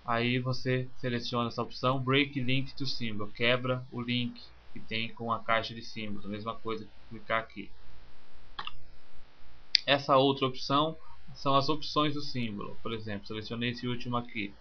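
A man, teaching software in a screencast and calmly walking through each click step by step. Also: medium pitch, moderate pace. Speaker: software instructor. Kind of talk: screencast tutorial. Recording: slightly muffled with faint hiss.

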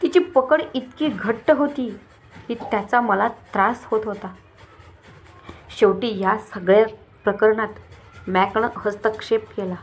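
Brief: woman narrator, first-person story reading, even and expressive. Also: mid-range voice, unhurried, slight background noise.

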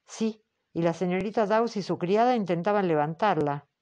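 Timid young female witness, soft and hesitant; voiced by a woman audiobook reader. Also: lowish voice, normal speed, close to an everyday voice. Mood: fearful. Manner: hesitant, soft, answers briefly. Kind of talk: audiobook character reading.

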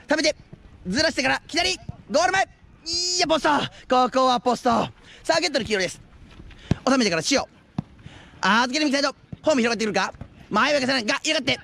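A man giving live futsal commentary outdoors, with excited calls that rise into drawn-out goal shouts. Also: very high-pitched, creaky. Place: outdoor floodlit futsal pitch at night. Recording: outdoor action camera with ambient noise.

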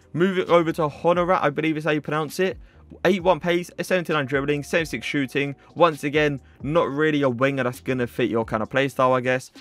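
A young man giving casual video-game commentary as a YouTuber, chatty and leaning on stock phrases. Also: mid-range voice.

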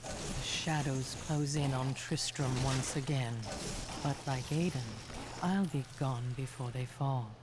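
An actress playing a grave, foreboding witch reading out her journal in a video game, solemn and measured. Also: extremely low pitch, fairly even intonation, heavy background noise. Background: loud game music.

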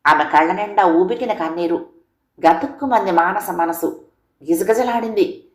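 A woman with a fairly low voice reads a family story aloud in a steady, expressive storytelling manner. A roomy echo hangs around her words. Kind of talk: scripted story narration.

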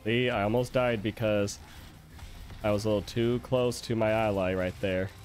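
A man's voice: lowish voice, steady tone, normal speed, darkish tone. A man streaming a game, chatting casually and reacting with little exclamations while he has the hiccups. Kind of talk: casual gameplay commentary. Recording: faint music behind.

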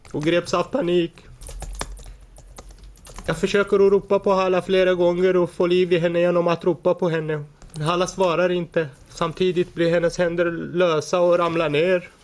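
Guy in his 40s testifying in court, high flat voice, keeps tripping over words. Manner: halting, stumbles and restarts words. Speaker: defendant. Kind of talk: court testimony, personal account.

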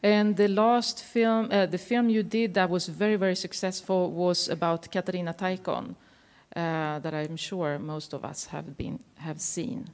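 A woman's voice: lowish voice, level tone, a little slow, hardly any pauses, a little mellow. Hesitant woman host introducing a panel. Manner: hesitant, many fillers. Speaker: museum host.

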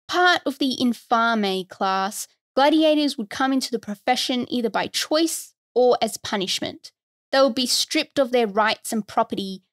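A woman with a fairly high voice reads a scripted history narration for her podcast. She keeps it conversational and slips in wry asides. The sound is dry and close, with no room around it. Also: no echo. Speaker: podcast host.

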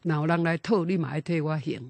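A man voicing a gravelly young ghost son. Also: on the high side, fairly even intonation, fast talker, a little mellow, no echo. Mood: solemn. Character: ghost of a young son come to collect a debt.

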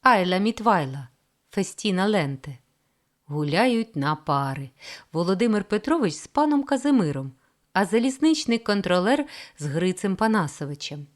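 A woman reading a story aloud in calm, measured, expressive narration. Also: medium pitch. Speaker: audiobook reader. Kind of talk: scripted narration.

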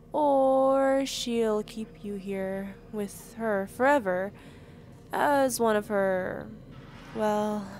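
A woman acts out an eager-to-please female rabbit servant in a fairytale audio drama. Her voice is fairly high, polite and formal, with an apologetic, deferential way of talking. There is faint ambient noise behind it. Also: darkish tone. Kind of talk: audio roleplay drama acting.

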